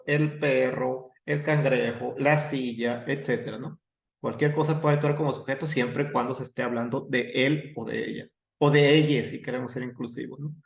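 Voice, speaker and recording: A man's voice: mid-range voice, gravelly. A man with a Mexican accent teaching English grammar, explaining step by step with digressions and self-corrections. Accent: Mexican Spanish. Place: room with a whiteboard. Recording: echoey room, dull lo-fi sound.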